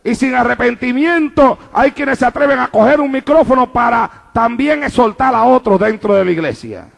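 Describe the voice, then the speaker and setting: A man's voice: extremely high pitch, animated, moderate pace, creaky. A man preaching a fervent sermon to a church congregation, driving home his points with repeated phrases and calls to the listeners. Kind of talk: evangelical sermon. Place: church in New York.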